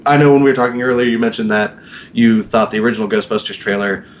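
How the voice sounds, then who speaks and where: A man's voice: fairly low pitch, fast, slight background noise. A man in his mid-twenties chatting casually on a podcast, rambling with lots of fillers and swearing freely. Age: 20s. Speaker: podcast co-host. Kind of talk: casual chat.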